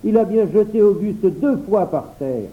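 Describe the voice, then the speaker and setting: Brief: man voicing a suspicious young boy, storybook, cautious questions, lively pitch, tinny phone line. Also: unhurried. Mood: wary.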